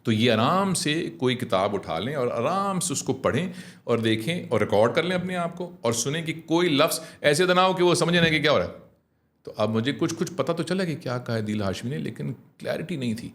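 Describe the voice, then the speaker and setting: A middle-aged man, a communication trainer, coaching a host in clear speech in an animated, conversational way, often slowing down to demonstrate. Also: a little high. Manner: animated, mixing English phrases, demonstrating slow clear diction.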